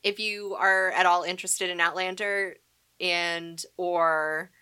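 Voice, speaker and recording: A woman's voice: lowish voice, fairly even intonation, slow, bright, forceful tone, clean tone. A young adult woman co-hosting a podcast, chatting casually with a dry, playfully exaggerated manner. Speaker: podcast co-host. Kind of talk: casual sarcastic chat.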